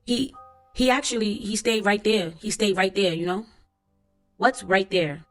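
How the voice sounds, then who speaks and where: A woman voices a young male witness on the stand, rendered in a plain transcript-reading voice. The delivery stays level at a middle pitch, with casual street slang and faint background music underneath. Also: a little slow, close to an everyday voice. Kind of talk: transcript read-aloud.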